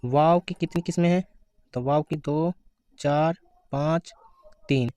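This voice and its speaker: Man teaching grammar, smooth clear voice. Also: fairly high pitch, mellow, dry recording. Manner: asks questions then answers them himself; reads answer options slowly. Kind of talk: exam-prep grammar lesson.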